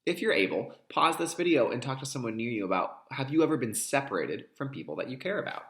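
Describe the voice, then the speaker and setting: Reading a picture book to kindergartners, this man talks fast in a sing-song, fairly bright voice of medium pitch, and the sound is roomy. He addresses the children directly, explains along the way, and keeps repeating the important words.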